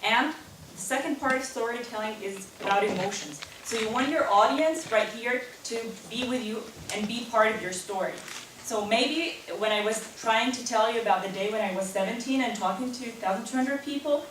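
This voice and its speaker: A woman's voice: mid-range voice, fairly bright tone. Earnest female speaker taking audience questions; recorded from afar in a strongly echoing room. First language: not German; English not stated as first. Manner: earnest, personal, answers at length with restarts. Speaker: speaker at a lightning talk event. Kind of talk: live talk with audience Q&A. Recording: very echoey room, distant mic, faint noise.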